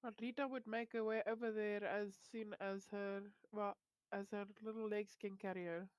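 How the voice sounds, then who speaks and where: A woman's voice: mid-range voice, level tone, normal speed, clean tone, no room sound. A woman chatting casually as a player in a tabletop role-playing game.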